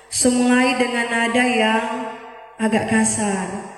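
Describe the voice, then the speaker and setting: A woman's voice: on the high side, flat delivery, slow, fairly bright tone. Woman pastor. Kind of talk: sermon storytelling. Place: large church hall. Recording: echoey church hall from far off, faint music.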